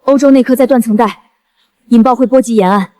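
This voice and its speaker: An actress playing an urgent, quick-witted young woman on an ocean team, calling out enemy sightings like tactical reports in a screen drama. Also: fairly high pitch, warm tone, lightly acted. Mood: urgent, alert.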